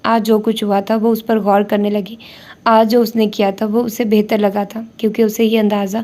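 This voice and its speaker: A woman narrates a romance novel in a steady, even reading voice. Her pitch stays flat and narrow. Her tone is dark and mellow. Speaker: audiobook narrator.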